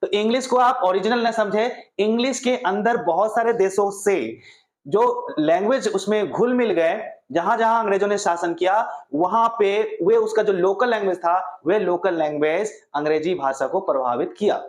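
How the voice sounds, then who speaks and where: A man's voice: sits high, moderate pace, roomy sound. A man teaching pronunciation at a classroom board, asking himself questions and answering them. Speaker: English teacher. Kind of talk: explaining pronunciation to viewers.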